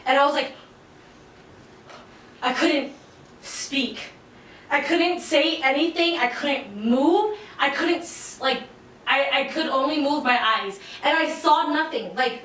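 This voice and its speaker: A young woman co-hosting a podcast tells a story in loose, animated chat, full of fillers and the odd curse. Her voice sits high and bright. She sounds set back from the mic in a very echoey room. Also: distant mic, slight background noise. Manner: animated, swears freely, many fillers. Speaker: podcast co-host.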